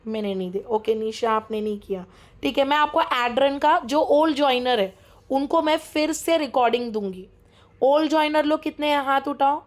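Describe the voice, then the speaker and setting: A young woman teaching a live online class, chatty and encouraging, mixing English into her speech and often checking that students are following. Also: sits high. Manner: talks fast, keeps checking students follow. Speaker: online course mentor.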